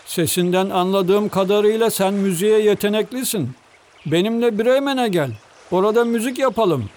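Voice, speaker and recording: A man's voice: high-pitched, moderate pace, a little mellow, a little hiss or hum, natural voice. A man voicing an old, cheerful male donkey in a storybook reading, coaxing and kindly. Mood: encouraging.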